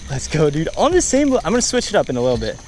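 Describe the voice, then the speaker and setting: A man in his twenties chatting excitedly to viewers on an outdoor fishing vlog, slangy and upbeat, recorded on an action camera by a pond. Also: a little high, very fast, a little hiss or hum. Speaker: fishing vlogger. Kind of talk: casual outdoor vlog commentary. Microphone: action camera, head-mounted and handheld.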